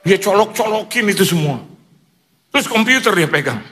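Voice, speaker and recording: A man preaching in a church, telling a funny story with lively quoted asides and frequent laughter. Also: sits high, normal speed. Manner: animated, joking, mimics others in quoted asides. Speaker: pastor. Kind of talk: sermon with humorous storytelling.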